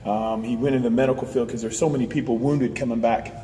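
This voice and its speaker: Earnest man delivering a passionate monologue, mellow tone, recorded from afar in an echoey space. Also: medium pitch, fairly even intonation. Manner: earnest, halting restarts, builds to emphatic declarations. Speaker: speaker sharing his views. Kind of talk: impassioned personal monologue. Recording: roomy distant mic with faint hiss.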